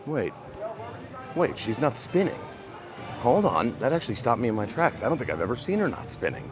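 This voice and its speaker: A man's voice: medium pitch, big pitch swings, fairly quick, music in the background. A man vlogging casually from a theme park, chatty and self-deprecating, sounding a bit deflated. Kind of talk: casual vlog to camera.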